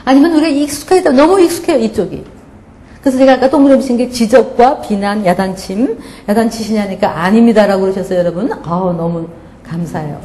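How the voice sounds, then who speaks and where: A woman's voice: on the high side, a little fast. Woman preaching in an echoey hall. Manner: animated storytelling, acts out scolding voices. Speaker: pastor. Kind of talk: sermon. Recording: echoey hall, faint background noise.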